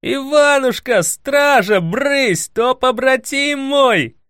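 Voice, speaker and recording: A man doing a shrill, excitable young friend. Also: measured pace, dry recording, studio quality, exaggerated voice. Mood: excited.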